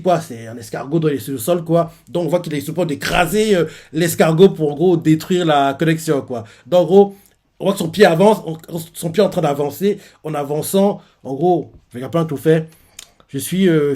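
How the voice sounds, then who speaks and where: A man hosting a live manga reaction, reading the chapter aloud and thinking out loud with frequent pauses and restarts. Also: a little high.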